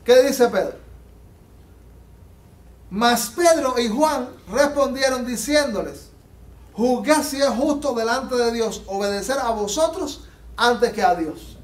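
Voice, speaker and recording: Male pastor, very high voice, fervent sermon delivery, heard from off-mic in an echoey church. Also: slow pace, long pauses, far from the mic. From Latin America. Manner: fervent, rising to emphatic peaks and dropping low. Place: church sanctuary.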